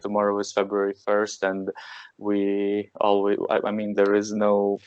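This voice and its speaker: A man's voice: lowish voice, completely flat delivery, moderate pace, a little mellow, smooth, no echo. A man hosting a podcast who interviews a guest over a call, in a friendly and encouraging way. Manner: friendly, encouraging, asks open questions. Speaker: podcast host. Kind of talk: casual interview. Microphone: remote call. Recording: dry, dull lo-fi sound.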